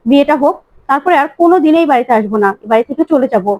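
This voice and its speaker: A woman voicing an angry, defiant young bride-to-be who shouts back at her mother. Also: high-pitched, animated, rapid-fire, lo-fi sound.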